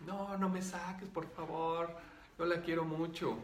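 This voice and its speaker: A man voicing a frightened little girl spirit who cries out in a high, pleading voice. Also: flat delivery, unhurried, roomy sound, slight background noise, close to an everyday voice.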